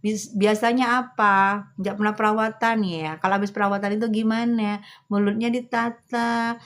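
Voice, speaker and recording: A middle-aged woman hosting a livestream on a phone, chatting with viewers in a sassy, teasing, slangy manner and speaking slowly and carefully. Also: mid-range voice, steady tone. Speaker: livestream host. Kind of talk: casual livestream chat reading viewer comments.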